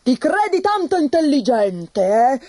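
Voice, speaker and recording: A woman's voice: mid-range voice, a little slow, mellow, no room sound, lightly acted. A woman voicing a proud, teasing male tsar in a storybook reading, with blustering, boisterous speech. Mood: irritable.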